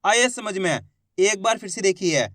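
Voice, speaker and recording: A man teaching Hindi reading in a slow step-by-step lesson, patiently repeating each word and sounding out syllables. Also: high-pitched, fairly bright tone, no room sound, studio quality.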